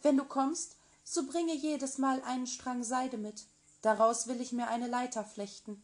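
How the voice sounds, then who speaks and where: A woman voicing a gentle young girl locked in a tower in a children's fairy tale, speaking softly and with wonder. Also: high voice, fairly even intonation, measured pace, voice pushed up. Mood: innocent pleading.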